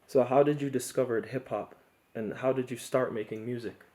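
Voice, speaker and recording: A man's voice: mid-range voice, fairly even intonation, normal speed, a little mellow. A man hosting an interview, asking plain, friendly questions in a casual way. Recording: echoey room.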